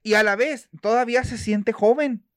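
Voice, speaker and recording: A man's voice: very high-pitched, clear, resonant tone, dry recording, studio quality. A young man with a Mexican accent, co-hosting a casual chat and telling stories in a slangy, joking way. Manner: slangy, joking storyteller, quick asides. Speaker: podcast co-host.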